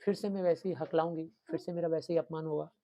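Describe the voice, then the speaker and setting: A man's voice: a little high, steady tone, dark tone, close to an everyday voice. A man voicing a shy, timid village girl who stammers and halts over her words. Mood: anxious. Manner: stammering, halting.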